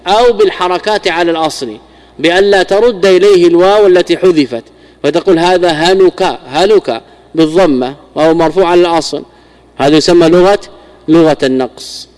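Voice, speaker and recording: A man's voice: fairly high pitch, darkish tone, long reverb tail. A man, a scholar, giving a classical grammar lesson, often repeating and restarting words as he explains. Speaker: Islamic scholar teaching Arabic grammar.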